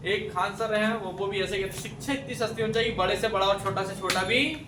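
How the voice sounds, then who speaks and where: Echoey high-voiced male teacher quizzing class. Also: fairly even intonation, fairly quick, background noise. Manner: asks questions and repeats students' answers back. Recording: echoey room, voice from a distance.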